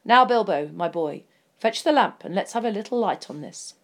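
A woman voicing a stern, commanding old male wizard in a storybook reading, speaking forcefully and with emphasis. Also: medium pitch, animated, moderate pace, natural voice.

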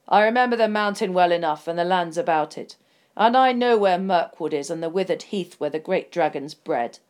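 A woman voicing a proud, grave dwarf leader in a storybook reading, pitching her voice lower and gruffer. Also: animated, moderate pace, a little mellow, close to an everyday voice.

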